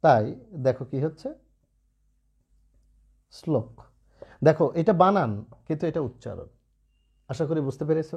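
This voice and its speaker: A man leads an online pronunciation lesson and keeps pausing to ask whether his students follow. His voice is mellow and warm and sits a little high. He speaks with lively, rising and falling intonation. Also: gravelly, slightly rough. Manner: patient, asks students rhetorical checks often. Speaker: Bengali pronunciation teacher.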